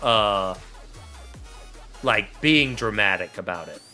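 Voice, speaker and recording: A man co-hosting a casual chat show, retelling a story with mocking, animated delivery. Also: on the low side, takes it slowly, faint music behind. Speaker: podcast co-host.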